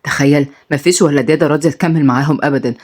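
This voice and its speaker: A woman with an Egyptian accent voicing a stern, short-tempered widowed father who is a minister, in a gruff lowered tone. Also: racing, darkish tone.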